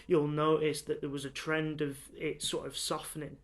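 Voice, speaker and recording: A man's voice: on the high side, completely flat delivery, normal speed. A young man co-hosting a podcast, chatting casually and enthusiastically, rambling with lots of fillers. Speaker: podcast co-host. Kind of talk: casual chat.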